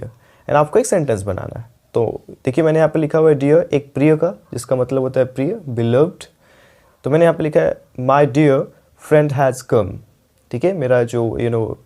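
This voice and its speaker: A young man teaching an English grammar lesson, with an Indian accent, explaining patiently and repeating example sentences slowly. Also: medium pitch, mellow.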